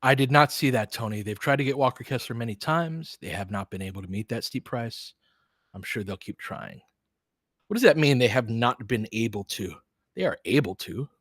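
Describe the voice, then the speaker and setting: A man hosts a casual live basketball stream with audio play-by-play and discussion, analysing the game and replying to chat. He thinks aloud, poses rhetorical questions and stresses points with check-ins like "right?". His medium-pitched voice is animated and fairly bright at a moderate pace, in a dry, studio-quality recording.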